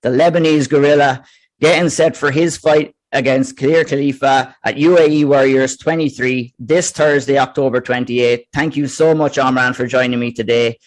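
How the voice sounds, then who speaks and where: A man's voice: mid-range voice, fairly even intonation, moderate pace. Man hosting a fight-sport interview. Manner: polite, structured questioning. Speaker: podcast host interviewer.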